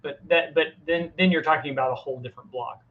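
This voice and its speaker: This middle-aged host talks fast in a higher register, and the audio has a phone-like quality. He's running an informal live Q&A from his home workshop, where a fan hums, giving down-to-earth answers to technical questions from viewers and often restarting what he's saying.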